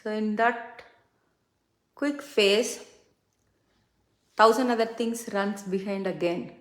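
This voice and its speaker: A middle-aged woman whose first language is Tamil, a makeup consultant, hosts a livestream while doing her makeup. She chats casually with many fillers, speaking slowly at a medium pitch. The room sounds echoey.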